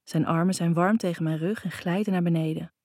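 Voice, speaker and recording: A woman reads a first-person romance story in an intimate, even way. Her voice is low and warm, close to the mic, with a dry sound and no room echo. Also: brisk. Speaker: audiobook narrator. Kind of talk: first-person scripted narration.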